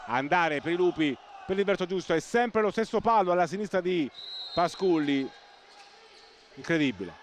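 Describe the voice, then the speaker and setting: A man giving live play-by-play sports commentary, excitable and breathless, repeating names and words for emphasis. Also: fairly high pitch. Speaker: live futsal match commentator. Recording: noisy sports hall ambience.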